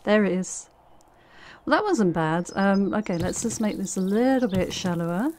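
A woman's voice: medium pitch, lively intonation, moderate pace, a little mellow, slight background noise. A woman giving casual let's-play commentary, chatty and thinking aloud with dry little asides.

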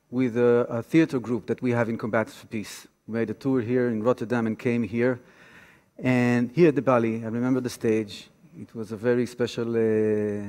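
On stage in a big theater auditorium, an Israeli man from Tel Aviv gives an informal talk as a guest lecturer and activist, telling personal stories as he goes. He speaks haltingly in a mellow, mid-range voice that echoes around the reverberant hall.

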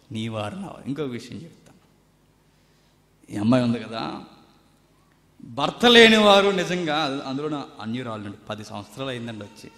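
Preacher man booming in an echoing hall. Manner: swings between loud emphatic lines and low asides; acts out quoted voices. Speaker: pastor. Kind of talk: Telugu sermon. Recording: roomy hall with long reverb.

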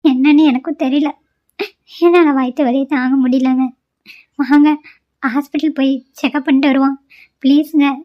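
A woman's voice: sits high, fairly even intonation, a little fast, muffled recording, lightly acted. A woman voicing a frightened young newlywed wife in a cartoon, pleading and apologetic as she cries. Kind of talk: cartoon voice acting.

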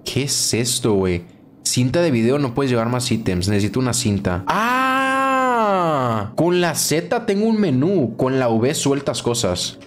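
A man's voice: medium pitch, sing-song, moderate pace, a little mellow, a little hiss or hum. A young man with a Mexican Spanish accent, commenting on a horror game as he plays, swearing and shrieking when scared. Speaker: gaming streamer. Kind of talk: let's play commentary.

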